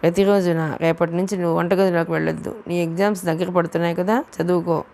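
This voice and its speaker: A woman's voice: fairly low pitch, steady tone, fast talker, a little mellow, lightly acted. A woman voicing an angry young man in a storybook. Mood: stern. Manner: harsh, scolding. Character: young man, stern and quick to anger.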